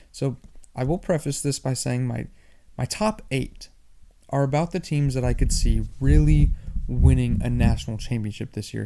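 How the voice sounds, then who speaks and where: Young man, podcast host, casual monologue, quick and animated, mid-pitched, warm dark tone. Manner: animated, talks fast, repeats himself.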